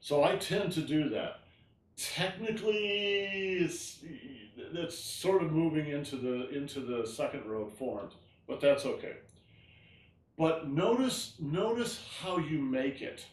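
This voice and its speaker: A man teaching an online tai chi class, explaining gently and often checking in with "all right?". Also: on the high side, animated, slow. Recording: roomy echo.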